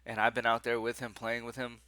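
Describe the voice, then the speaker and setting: A man with a mid-range voice sounds stuffy and nasal from allergies. He hosts casual sports betting picks at a brisk clip, excitable and full of slang.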